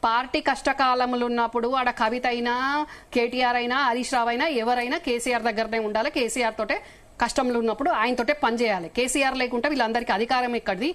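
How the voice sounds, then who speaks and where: Middle-aged Telangana woman, TV debate guest; high-pitched, rapid, emphatic and accusing. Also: steady tone, a bit bright. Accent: Telangana Telugu. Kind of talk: heated live TV debate.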